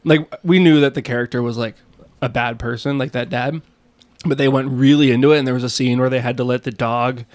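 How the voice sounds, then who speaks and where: A man's voice: mid-range voice, fairly even intonation, brisk, darkish tone, no room sound. Jokey man with a dry close sound. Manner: jokey, teasing. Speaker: podcast co-host. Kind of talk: casual chat.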